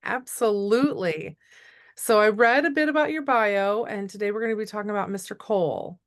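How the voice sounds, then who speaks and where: A woman hosting a grief podcast, speaking in a gentle, encouraging way. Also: mid-range voice, fairly quick, no room sound, studio quality. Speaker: podcast host. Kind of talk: podcast interview.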